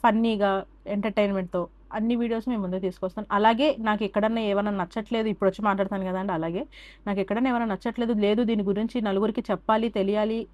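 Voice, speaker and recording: A woman's voice: medium pitch, steady tone, racing, a little mellow, no echo, lo-fi sound. A woman vlogging her opinions to camera in an emphatic, scolding way, repeating key words and mixing English words into her talk. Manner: mixes English words into Telugu. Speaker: YouTube vlogger. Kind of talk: opinion vlog monologue.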